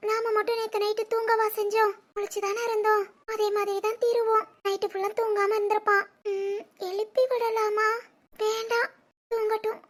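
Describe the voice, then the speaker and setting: Soft and pleading, a very high female voice plays a young wife who is also a college student in an animated family drama. Her accent is Tirunelveli Tamil, and her delivery is tearful and soft-spoken.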